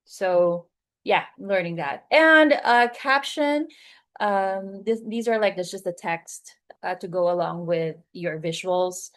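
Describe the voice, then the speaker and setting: A woman in her forties with a Filipino accent, giving a conversational webinar talk as a content creator, with plenty of fillers and lively acted-out quotes. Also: on the low side, slow pace. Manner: chatty, many fillers, acts out quoted lines.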